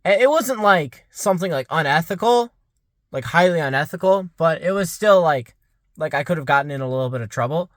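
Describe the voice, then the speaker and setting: A man's voice: a little high, lively intonation, brisk, no echo, clean studio sound. A young man of about twenty musing aloud in a rambling vlog monologue, full of "like" fillers. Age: around 20. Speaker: vlogger. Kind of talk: casual reflective monologue.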